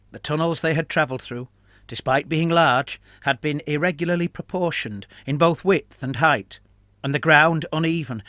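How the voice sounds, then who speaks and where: Man, story narrator, measured reading, slightly high voice, dry sound. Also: fairly bright tone, no room sound. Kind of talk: scripted narration.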